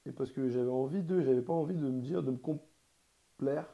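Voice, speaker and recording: In casual conversation, a man rambles emphatically and uses plenty of slang. His voice is medium in pitch with vocal fry, his pace is moderate, and the audio sounds dull. He has Portuguese heritage and is nearly bilingual.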